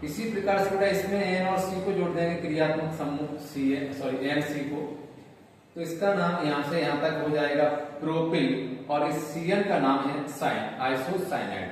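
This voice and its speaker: A man's voice: a little high, normal speed. A man teaching chemistry in a patient, repetitive way, often calling students "beta". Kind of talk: classroom lecture. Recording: roomy echo, distant mic, faint noise.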